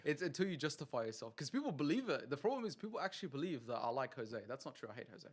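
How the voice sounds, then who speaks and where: A man speaking as a guest on a casual podcast, in a flat, monotone, disinterested-sounding voice. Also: a little high, rapid-fire. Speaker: podcast guest, card vendor and streamer.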